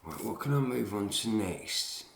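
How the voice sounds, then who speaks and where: A man's voice: fairly low pitch, expressive, a little slow, gravelly. A British man giving a matey, opinionated, unscripted monologue, recorded on a dictaphone at home. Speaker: solo recorder of a spoken commentary. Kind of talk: rambling informal monologue. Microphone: handheld dictaphone. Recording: roomy dictaphone recording with faint noise.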